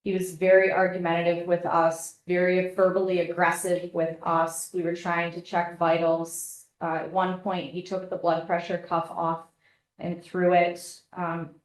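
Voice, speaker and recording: A woman gives testimony in a courtroom recording, polite and measured in her answers. Her voice sits a little low with a flat, even delivery, and the room adds a clear echo. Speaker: paramedic witness testifying. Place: courtroom witness stand. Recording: echoey courtroom audio.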